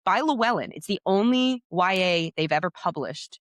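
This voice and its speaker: In a clean studio recording with no room sound, a chatty Pennsylvania woman in her thirties speaks in a lowish, animated voice at a moderate pace. She's a guest author and podcaster from the United States, using a Pennsylvania American accent during a casual interview chat, her talk full of "like" and "you know."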